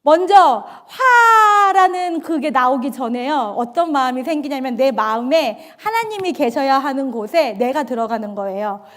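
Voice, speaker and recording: A woman's voice: high voice, expressive, moderate pace, few pauses, a bit bright. A woman pastor from Korea preaching a bilingual sermon, impassioned and emphatic, with rhetorical questions.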